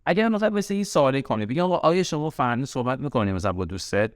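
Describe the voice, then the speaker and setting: Here a man with a Persian accent delivers a recorded English grammar lesson in an animated, medium-pitched voice. He drills key words by repetition and slows down to spell out example sentences, all captured in studio quality with no room sound.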